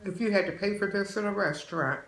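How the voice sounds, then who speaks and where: She talks at a quick pace in a mid-range, fairly bright voice, with reverberation and slight background noise. Eating during a casual chat, this channel host in her 60s gives motherly, folksy advice to viewers she addresses as babies.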